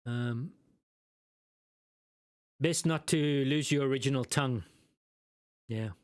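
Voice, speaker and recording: Speaking slowly in a clear, resonant mid-range voice, a South African-accented man hosts a laid-back live stream and responds to viewer comments. He rambles, pokes fun at himself, and keeps restarting with plenty of ums. The audio is studio quality and echo-free.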